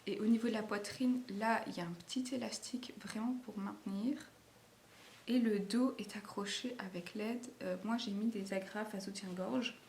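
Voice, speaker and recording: A woman's voice: medium pitch, steady tone, normal speed, darkish tone. A woman sewing vlogger with an accent, chatting casually about garments she made, full of fillers and restarts. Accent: non-native French accent. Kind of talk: casual chat showing garments. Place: indoor room at home, filming late in the day. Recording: echoey room with faint noise.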